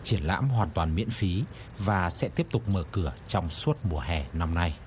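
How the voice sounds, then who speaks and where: Man, deep voice, formal news narration, passing vehicles clearly audible. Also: animated, unhurried. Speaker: news reporter. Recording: street noise with passing vehicles.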